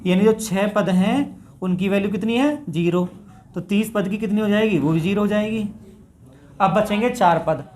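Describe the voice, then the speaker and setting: Step by step, a man leads a maths class in a north Indian Hindi accent, referring to his students as "bhai". He speaks with a high, slightly mellow voice at a moderate pace.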